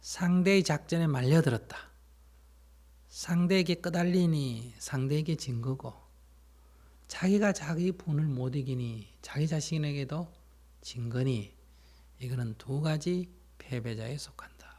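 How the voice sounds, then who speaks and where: Male Buddhist teacher, dharma talk, slightly high voice, plain explanatory delivery with questions to the audience. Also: a little slow, a little mellow. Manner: plain explanatory storytelling, asks listeners questions.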